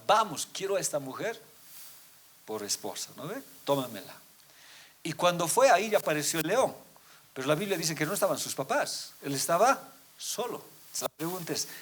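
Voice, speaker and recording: A man preaching a sermon to his congregation, reading scripture aloud and asking rhetorical questions, swinging between loud emphatic peaks and quiet low drops. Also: breathy edge. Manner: addresses listeners as brothers, asks rhetorical questions; reads scripture aloud, often slowing down. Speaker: pastor.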